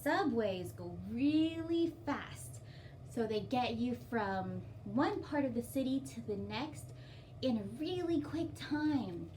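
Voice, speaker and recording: In a slow, expressive voice that is fairly high yet dark in tone, a woman reads a picture book to young children at story time. She adds simple, encouraging explanations and questions, recorded through a distant mic with faint noise behind her.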